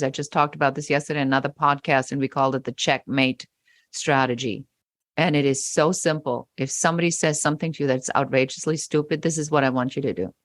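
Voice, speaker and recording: Low-voiced emphatic woman guest. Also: dry recording, studio quality. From Germany. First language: German. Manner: emphatic, animated, acts out quoted remarks. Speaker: podcast guest, business coach. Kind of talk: interview conversation.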